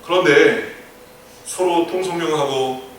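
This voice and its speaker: Middle-aged male pastor, earnest storytelling sermon, crisp bright tone, miked from afar in a reverberant sanctuary. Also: fairly high pitch, takes it slowly, slight background noise. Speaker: senior pastor. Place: church sanctuary. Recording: echoey hall, voice from a distant mic.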